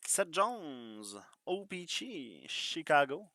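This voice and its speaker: A man's voice: fairly high pitch, big pitch swings, bright, forceful tone. A man with a Quebec French accent hosting a live hockey card break, reading out cards and joking with viewers. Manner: quick, joking, chatty with viewers.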